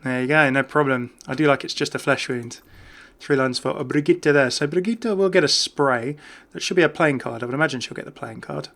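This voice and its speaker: A man with a mid-range, fairly bright voice and some vocal fry talks fairly quickly. He gives casual, off-the-cuff video game commentary, chatty and enthusiastic about small details.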